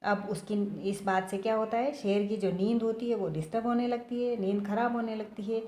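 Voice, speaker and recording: A woman's voice: on the high side, fairly even intonation, fairly quick, darkish tone, a little hiss or hum. A woman teacher reading and explaining a story to young pupils, often asking them questions. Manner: explanatory, asks the children questions. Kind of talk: children's lesson, story retelling. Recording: echoey room.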